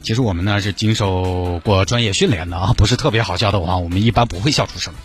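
A man voicing a deadpan middle-aged male doctor. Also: deep voice, fast talker, close to an everyday voice.

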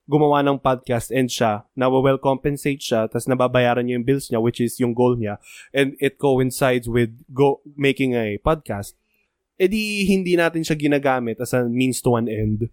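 A man's voice: medium pitch, normal speed, darkish tone, dry recording, studio quality. A young man co-hosting a podcast, joking around and speaking straight to listeners in a mix of Tagalog and English. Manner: joking and playful, addresses listeners directly. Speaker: podcast co-host. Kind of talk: casual chat mixing Tagalog and English.

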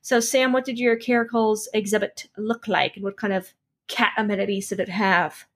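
A woman's voice: mid-range voice, fairly even intonation, a bit bright. A woman hosting a podcast, reading out animal facts and teasing her co-hosts. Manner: teasing, reads facts in a brisk, informative tone. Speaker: podcast host.

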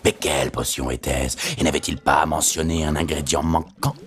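A man's voice: rumbling low, steady tone, moderate pace. A man narrating a spooky tale in a suspenseful, theatrical storytelling style.

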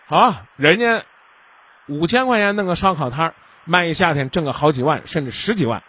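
A man's voice: on the high side, lively intonation, brisk, a bit bright, husky. A man hosting a radio call-in advice show, lecturing the caller and acting out little dialogues. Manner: keeps asking if the caller understands. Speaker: radio hotline host.

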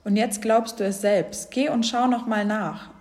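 A woman's voice: a little high, fairly even intonation, measured pace, a little mellow, in a large hall, lightly acted. A woman voicing a sly, scheming female snake while reading a children's storybook aloud. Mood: knowing. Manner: sly, conspiratorial.

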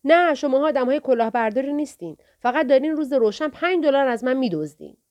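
A woman's voice: high-pitched, lively intonation, darkish tone, pitched above the performer's own voice. Woman voicing a shaky, tearful teenage boy. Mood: defiant. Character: frightened defiant teenage boy, tearful and stubborn.

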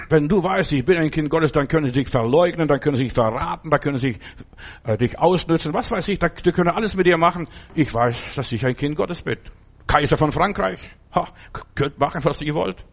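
A man preaching a sermon emphatically, repeating phrases and checking in with "ja?". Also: a little high. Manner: emphatic, repetitive preaching with tag questions.

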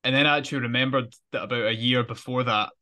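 A man's voice: medium pitch, fairly even intonation, fast, bright, forceful tone. A British man hosting a casual football podcast, chatty and rambling, correcting himself as he goes. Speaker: podcast host.

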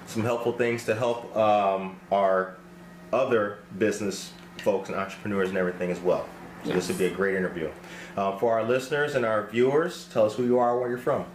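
A man's voice: fairly low pitch, fairly even intonation, brisk, slight background noise. Upbeat man hosting local news. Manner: upbeat, casual shout-outs. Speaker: host. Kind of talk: local community news and interview.

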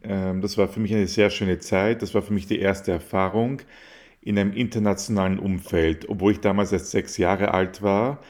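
In this relaxed interview, a young man from Austria speaks in a low, slightly mellow voice at a moderate pace and a steady tone. He considers his answers carefully, hesitating, using fillers, and restarting his sentences.

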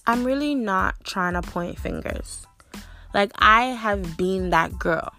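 Over faint background music, a young woman hosts a podcast in a bright, forceful, mid-range voice, taking her time. Her ranting monologue is blunt and profane, heavy with "like".

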